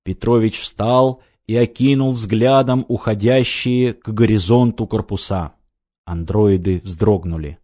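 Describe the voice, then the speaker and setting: A man narrating an audiobook with a steady, expressive reading. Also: lowish voice, unhurried, no echo, dull audio. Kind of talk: scripted narration.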